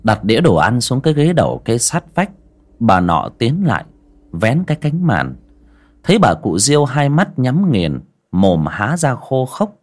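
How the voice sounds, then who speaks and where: A man narrating an audio story with dramatic expression. His mid-pitched voice moves through lively, animated intonation. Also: measured pace.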